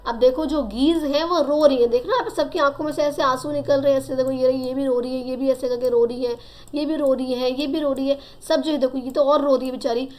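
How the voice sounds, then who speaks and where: A young woman teacher reading English lines slowly and explaining each one in Hindi. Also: sits high, steady tone, a little mellow. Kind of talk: explaining a story lesson.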